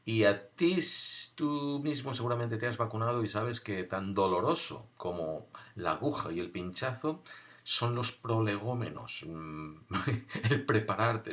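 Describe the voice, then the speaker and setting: A man recalling his school days in an unhurried, wry storytelling manner with dry humor. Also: on the low side, a bit bright. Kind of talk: casual spoken recollection.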